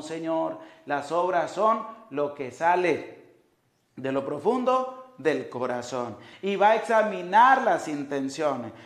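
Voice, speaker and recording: A man in his thirties, a priest preaching a sermon at a chapel altar on a lapel mic, emphatic and fond of repeating rhetorical questions. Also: on the high side. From Venezuela. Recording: echoey chapel.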